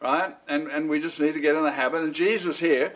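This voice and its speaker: A middle-aged man teaching an informal Bible lesson. He talks in a rambling, conversational way, often restarting his sentences and clearing his throat. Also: fairly high pitch, steady tone, brisk, fairly bright tone.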